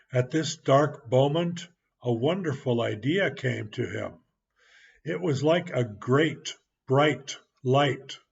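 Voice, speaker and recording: Slow husky male storybook narrator. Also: mid-range voice. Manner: calm, deliberate, clearly spaced. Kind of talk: slow storybook reading for learners. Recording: muffled lo-fi recording.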